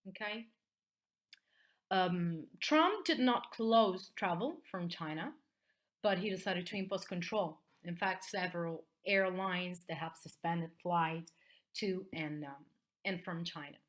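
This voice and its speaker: A woman from Italy speaks with an Italian accent in a low-leaning voice at a slow pace. She's teaching an explanatory video lesson and often adds short check-in tags at the ends of phrases.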